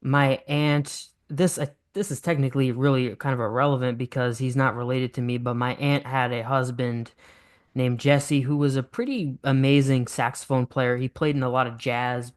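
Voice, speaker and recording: A man's voice: mid-range voice, steady tone, normal speed. A nineteen-year-old man, a podcast guest, talking in an easygoing, enthusiastic way full of fillers. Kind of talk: casual interview chat.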